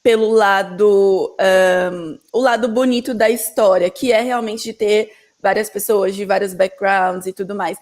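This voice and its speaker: A woman's voice: medium pitch, fairly even intonation, unhurried, few pauses, darkish tone. Reflective woman in a casual interview.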